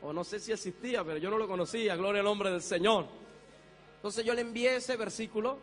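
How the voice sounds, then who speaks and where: Fervent high-voiced pastor in a hall. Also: male voice, fairly quick, fairly bright tone, faint music behind. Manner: fervent, laughs often, many amens. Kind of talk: church testimony.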